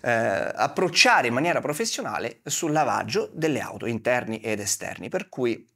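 A man's voice: mid-range voice, big pitch swings, moderate pace, pushed and bright, breathy edge. A man in his thirties gives casual instructional commentary in colloquial speech, talking straight to the viewer with rhetorical questions. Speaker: car detailing presenter. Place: small padded studio, seated at a desk. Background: music.

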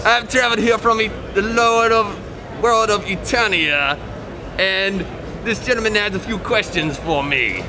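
Skeletor, bragging villain, high voice from a guy in costume, busy loud con hall. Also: measured pace, noisy background. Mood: grandiose. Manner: theatrical, grandiose villain talk. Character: cosplayer playing villainous Skeletor, male, boastful. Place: convention hall floor, indoors. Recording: loud crowd and music in hall.

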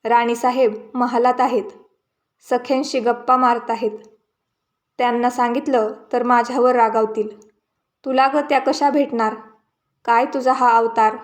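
A woman's voice: a little high, close to an everyday voice. A woman doing a timid, anxious palace maid. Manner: anxious, pleading.

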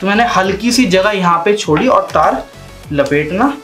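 A man's voice: sits high, animated, moderate pace, fairly bright tone, soft background music. A young man in a casual how-to vlog, chatting and repeating himself as he works with his hands at a desk in a small room. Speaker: vlogger.

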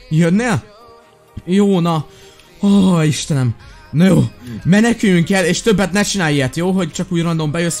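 Young male gaming creator, slightly high voice, playful running commentary, soft music underneath. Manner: excitable, jumps to high yelps when panicking. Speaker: gaming YouTuber. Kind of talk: live gameplay commentary.

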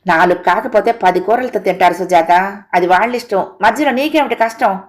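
A woman's voice: mid-range voice, fairly quick, darkish tone, natural voice. A woman voicing an exasperated middle-aged husband in an audio story, asking blunt, impatient questions. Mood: irritated.

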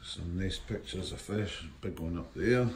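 With a phone camera in hand, a man strolls indoors through a wooden lodge's hallways and rooms, giving an informal tour in a low voice, unhurried and broken up by fillers. Echo fills the rooms, and handling noise comes through clearly.

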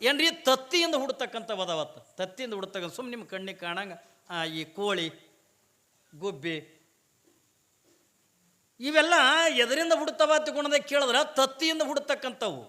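A man's voice: very high voice, sing-song, moderate pace, long pauses, sharp tone. A man from Bijapur district with a North Karnataka accent, preaching a sermon and answering his own questions to the crowd. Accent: North Karnataka Kannada. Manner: asks the audience questions and answers them himself. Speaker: religious preacher.

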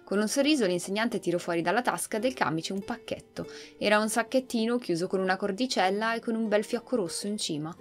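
A woman hosting a gaming channel, reading a game's story aloud in an expressive storytelling manner. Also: mid-range voice, brisk, few pauses, soft background music.

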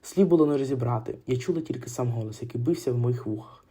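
A man reading an audiobook narration aloud, quick and now and then stumbling over words. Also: mid-range voice, warm tone, breathy edge. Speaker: audiobook reader.

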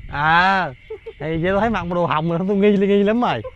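Guy, ghost hunt vlog, keeps repeating himself all fired up, high-ish voice. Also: fairly quick, highs cut off, slight background noise. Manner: stammers and repeats words in excited bursts. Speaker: ghost-hunting vlogger. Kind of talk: excited outdoor commentary.

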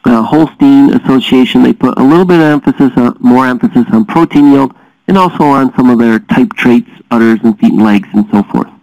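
A man lecturing as a dairy science teacher, explaining steadily and often pausing with "uh" fillers. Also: medium pitch, darkish tone, no echo, highs cut off. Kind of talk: recorded lecture.

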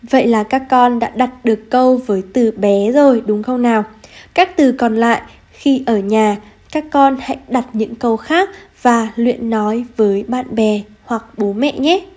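A woman teacher giving an online reading lesson to first graders, speaking gently and spelling out each sound slowly and clearly. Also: on the high side. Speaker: primary school teacher.

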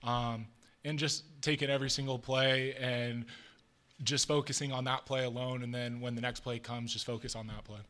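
A young man, a college quarterback, answering reporters' questions after a game in a modest, relaxed way with many ums. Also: medium pitch, normal speed. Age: young adult. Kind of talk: post-game press conference answers. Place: press room with logo backdrop. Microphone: table mic in front of him.

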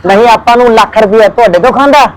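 Male actor as a high-voiced, hearty Punjabi father of the groom, middle-aged, agreeable village drama. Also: fast talker, lightly acted, poor audio. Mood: cheerful. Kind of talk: village family drama acting.

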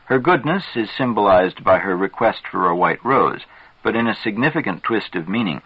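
Reading from a psychology book, a man with a low, husky voice delivers each sentence in a measured, deliberate way. It's scripted narration, and the recording is dull and lo-fi, dry with no room echo.

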